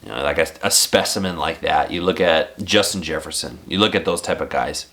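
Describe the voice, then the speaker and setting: A man in his thirties hosts a casual golf chat from his own home. His voice is very deep. His manner is relaxed, with a casual curse here and there. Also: brisk. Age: 30s. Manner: laid-back, swears casually. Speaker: podcast host.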